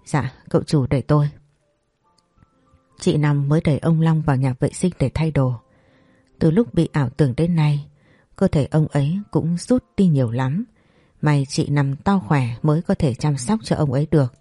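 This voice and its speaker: A narrator reading a scripted audio story in a steady, even way. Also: medium pitch, moderate pace, no room sound, studio quality, faint music behind.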